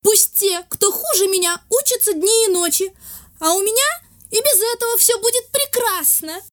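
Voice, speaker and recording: A man's voice: extremely high pitch, normal speed, a bit bright, pitched above the performer's own voice. A narrator voicing a vain, spoiled young fairy girl who whines and cries, in a storybook reading. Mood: capricious. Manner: whiny, tearful.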